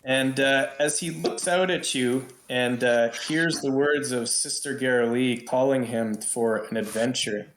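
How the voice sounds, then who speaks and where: A man runs a tabletop game as game master, telling the story at an unhurried, deliberate pace. His voice sits in the middle of the male range, and the room around him carries a clear echo. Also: mid-range voice, fairly bright tone, slight background noise. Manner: slow, storytelling narration with voiced townsfolk.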